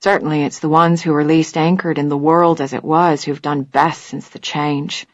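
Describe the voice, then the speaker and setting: Woman voicing a bold New York woman, earnest, low voice, dry close sound, dull audio. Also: fairly even intonation, moderate pace, no echo, natural voice. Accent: New York with mock Irish.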